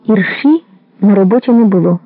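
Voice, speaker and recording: A narrator reads a literary novel in a measured, even manner. The sound is narrow and phone-like, like an old radio broadcast. It is dry, with no room around it. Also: medium pitch, no room sound. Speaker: audiobook narrator. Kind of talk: literary audiobook reading.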